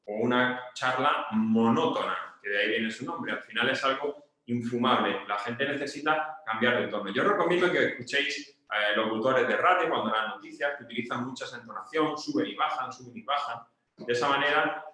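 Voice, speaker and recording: A man's voice: mid-range voice, a little fast, bright, forceful tone. Spanish man coaching, very echoey room. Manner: explains with examples, asks "¿vale?". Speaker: public speaking coach. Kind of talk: casual video lesson.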